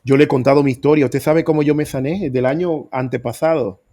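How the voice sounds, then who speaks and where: A man's voice: medium pitch, steady tone, brisk, dark tone. A middle-aged man preaching, telling his own story with earnest emphasis. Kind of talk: sermon testimony.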